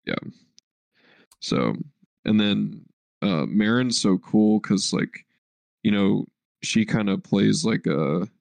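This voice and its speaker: A man's voice: lowish voice, lively intonation, slow, gravelly, pauses often, a little mellow, no room sound. A young man co-hosting a podcast in casual chat, laid-back, swearing often and filling his talk with "like.". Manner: laid-back, swears a lot, heavy filler words. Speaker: podcast co-host.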